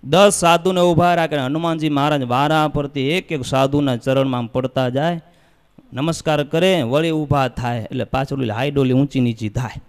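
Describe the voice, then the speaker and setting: A man's voice: medium pitch, moderate pace, clear, resonant tone. Gujarati man telling a temple story. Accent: Gujarati, Kutch. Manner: animated, acts out voices and cries in the tale. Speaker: preacher telling a religious story. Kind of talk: storytelling sermon. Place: temple hall. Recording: long hall reverb.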